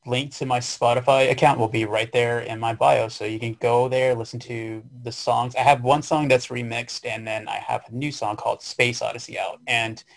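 Gravelly laid-back guest musician. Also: male voice, mid-range voice, level tone, normal speed, hardly any pauses. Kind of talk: casual chat.

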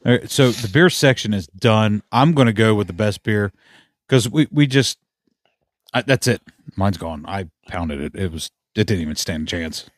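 A man's voice: lowish voice, expressive, moderate pace, dry recording, studio quality. A man hosting a casual beer-tasting chat, ranting hotly and swearing with emphasis. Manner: heated, profane, emphatic ranting. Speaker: podcast host.

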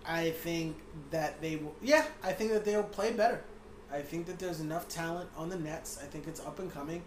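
A man co-hosting a podcast, breaking down sports in a blunt, opinionated way and swearing freely. His voice sits high for a man. The recording sounds echoey, with a faint hiss underneath. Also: normal speed. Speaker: podcast co-host. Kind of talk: casual sports chat.

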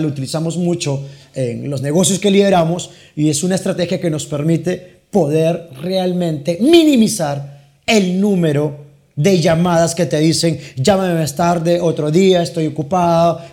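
A man teaching sales persuasion who deliberately plays with his tone, speed and volume, mixing dramatic pauses with sudden bursts. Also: fairly high pitch, a little mellow. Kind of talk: teaching lesson with role-played phone calls.

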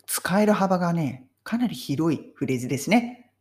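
A woman teaching English phrases in a casual, chatty way, laughing often and slowing right down to model English sentences. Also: fairly low pitch, expressive, darkish tone. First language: Japanese. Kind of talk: casual spoken English lesson.

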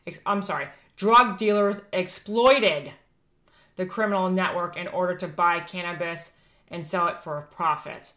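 A woman's voice: lowish voice, fairly even intonation, fairly quick, a bit bright. An American woman presenting prophecies informally, reading aloud and adding emphatic, admonishing asides.

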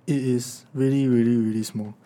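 A man's voice: medium pitch, steady tone, moderate pace, mellow. A man in his twenties with a Singaporean accent, giving casual advice in colloquial Singlish sprinkled with particles like lah and meh. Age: 20s. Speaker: podcast speaker, university student.

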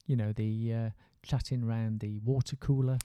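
A man's voice: mid-range voice, steady tone, moderate pace, clear, resonant tone, dry recording, muffled recording. A British man hosting a podcast in an easygoing casual conversation, often chiming in with short agreements. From Britain. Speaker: podcast host.

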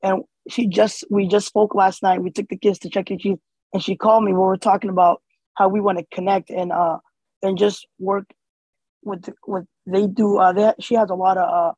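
A man's voice: sits high, level tone, normal speed, darkish tone, slightly rough, no room sound, rough recording. A man born in Somalia and raised in the US, speaking as an interview guest in a casual, hesitant way with many fillers and restarts. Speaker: interview guest, community organizer.

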